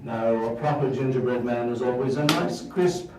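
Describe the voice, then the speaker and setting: A man's voice: medium pitch, moderate pace, mellow, lightly acted. A man playing a jolly, bumbling Christmas wizard doing stage magic for a live audience, theatrical and chuckling. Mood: playful. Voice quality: theatrical, sing-song, chuckling. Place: stage in a hall. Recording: roomy hall, from far off.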